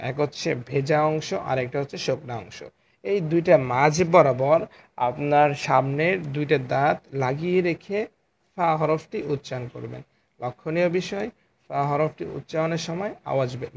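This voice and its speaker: A male Quran teacher with a fairly high voice gives a patient lesson on letter sounds, drawing each one out and repeating it. He speaks into a phone, and a faint hiss sits under his voice. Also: creaky, a little mellow. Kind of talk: online lesson on letter articulation.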